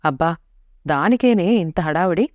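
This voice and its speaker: A woman's voice: lowish voice, lively intonation, unhurried, a little mellow, no echo, lo-fi sound. A woman voicing a teasing, possessive young man in a story, speaking in a mocking, curt way.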